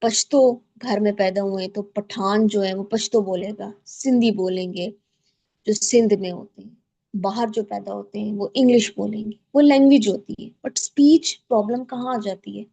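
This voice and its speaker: A woman's voice: mid-range voice, steady tone, normal speed, creaky, dark tone. A woman giving a lecture as a guest speaker, explaining step by step, often restarting phrases and mixing in English terms. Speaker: guest speaker, child psychologist.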